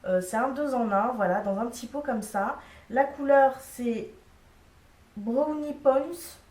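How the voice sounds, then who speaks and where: A woman's voice: fairly high pitch, takes it slowly, darkish tone, far from the mic. Chatty woman reviewing makeup, echoey room. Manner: chatty, many fillers, frank opinions. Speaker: beauty vlogger. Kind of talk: casual product review. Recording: echoey room, a bit off-mic.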